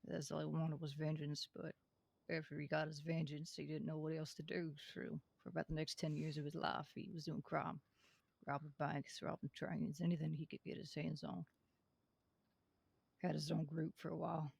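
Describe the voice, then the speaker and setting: Man playing a gravelly, earnest young lawman. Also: fairly high pitch, level tone, normal speed, no room sound. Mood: earnest, measured. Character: young Western lawman, son of a reformed outlaw, earnest. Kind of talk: improvised Western role-play.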